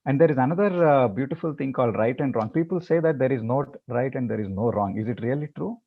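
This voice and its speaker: A man explains ideas to his meditation group before guiding them into practice. He speaks haltingly, repeating words and filling pauses, at an ordinary middle pitch. The recording sounds a little dull and lo-fi. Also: lively intonation. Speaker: meditation teacher. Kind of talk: talk before guided meditation.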